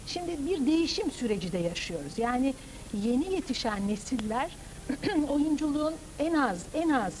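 Measured woman explaining in a TV studio. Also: high voice, very animated, darkish tone, slight background noise, poor audio. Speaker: opera director and conservatory teacher. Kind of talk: studio TV interview. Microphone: lapel mic.

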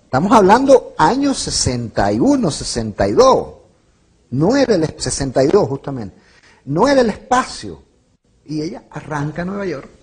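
A man interviewed about the past, animated and correcting himself as he talks. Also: a little high, normal speed, breathy edge.

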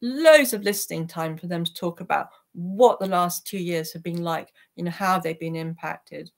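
This woman has a fairly low, gravelly voice and talks at a normal speed. She is a peace activist being interviewed online, giving an earnest, heartfelt personal account from a small attic room in her home, picked up by her computer's microphone on the video call.

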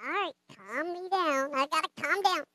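A man's voice: extremely high pitch, moderate pace, bright, forceful tone, dry recording, exaggerated voice. A performer voicing a brash, flirty male blue puppet who hosts a live stream, cracking crude jokes and cackling often. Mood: chatty, playful.

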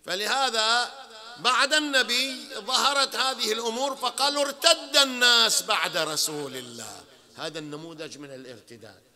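A sheikh lectures at a mourning hall, his voice high, bright and forceful with a Bahraini Arabic accent. He delivers the religious talk conversationally, often checking in with listeners and building to emphatic peaks.

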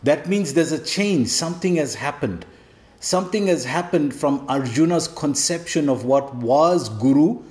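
A man whose voice is mid-range and somewhat dark teaches a scripture lesson as a devotional lecture, recorded in a room with echo. He walks through it step by step, asking rhetorical questions and tossing in a questioning "hmm?" to check on listeners.

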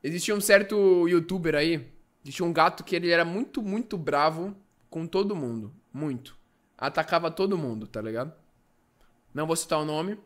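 A man's voice: a little high, expressive, moderate pace. A Brazilian man with a Brazilian Portuguese accent, reacting to memes in casual commentary that is profane and full of jokes. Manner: profane, joking, exclamatory. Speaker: meme reaction host.

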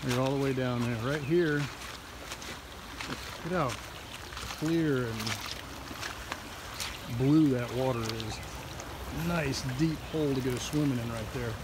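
A man's voice: medium pitch, slow, pauses often, noisy background. A middle-aged man narrating a road-trip vlog outdoors, chatting to the camera and pointing things out. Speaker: vlogger. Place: outdoors by a river, then a car and a parking lot.

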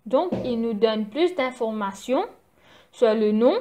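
Woman, teacher, children's grammar lesson, slow, patient, spells letters aloud, repeats rules. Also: on the high side, expressive, dark tone. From Mauritius.

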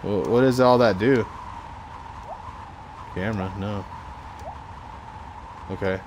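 A man's voice: on the low side, takes it slowly, a little mellow, slight background noise, poor audio. An American man giving casual gameplay commentary, thinking aloud in short, slangy remarks. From United States. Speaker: gamer recording gameplay commentary.

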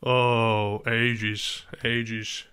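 Deadpan British man teasing strangers. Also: medium pitch, extremely slow, clear, resonant tone. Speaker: streamer on random video chat. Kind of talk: joking casual chat with strangers. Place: bedroom streaming setup.

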